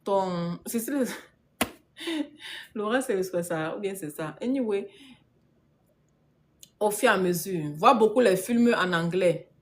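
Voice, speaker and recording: A woman's voice: medium pitch, expressive, slow, pauses often, slight background noise. A woman business coach talking casually on a live stream, answering viewers' comments. She drives her points home by repeating them, often laughs, and drops English words into her speech. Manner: emphatic and repetitive, laughs often.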